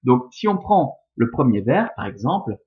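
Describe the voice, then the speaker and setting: A man's voice: mid-range voice, big pitch swings, normal speed, muffled recording. A man carefully explaining, step by step, how to read and scan Latin verse aloud.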